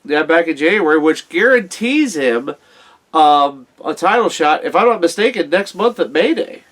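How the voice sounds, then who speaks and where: Guy with a slightly high voice talking wrestling, loose and halting. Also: lively intonation, a bit bright. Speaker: wrestling show host. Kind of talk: casual wrestling talk.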